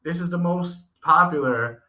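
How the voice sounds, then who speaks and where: A man's voice: on the high side, measured pace, bright, forceful tone. A man bantering casually and bluntly as a podcast co-host. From New York. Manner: blunt, sweary, incredulous. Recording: roomy echo, distant mic.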